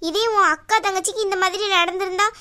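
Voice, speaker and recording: Woman voicing a gentle earnest young wife. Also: very high voice, fairly even intonation, fast talker. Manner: earnest, pleading. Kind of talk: cartoon voice acting.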